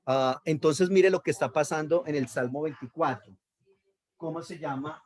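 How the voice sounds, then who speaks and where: A man's voice: a little high, normal speed. A man teaching a Bible lesson on Hebrew accent marks, explaining patiently, repeating key terms and checking in with his listeners.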